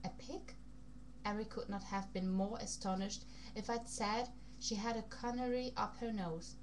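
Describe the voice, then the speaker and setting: Reading a vampire novel aloud like an amateur audiobook narrator, a woman adopts a put-on foreign accent. Her mid-range voice stays steady at normal speed, though she stumbles on words and rereads phrases, and the recording is noisy, with background hum.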